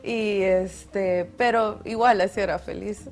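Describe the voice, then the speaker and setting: Speaking slowly at medium pitch in a steady tone, a young mountaineer with a Salvadoran accent chats as an interview guest. The conversation is casual, full of her laughter and restarted words.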